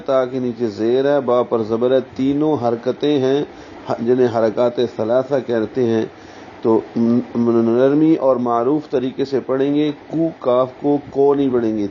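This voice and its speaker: A man teaching Quran recitation, explaining each letter slowly and deliberately, and sounding out syllables as models. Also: medium pitch, warm tone. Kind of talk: tajweed lesson, explaining pronunciation. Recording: dull, slightly muffled sound with faint hiss.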